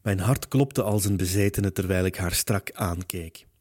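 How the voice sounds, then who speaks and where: A man narrating a first-person story as an audiobook in a measured storytelling manner. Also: deep voice, a little mellow, no echo, studio quality.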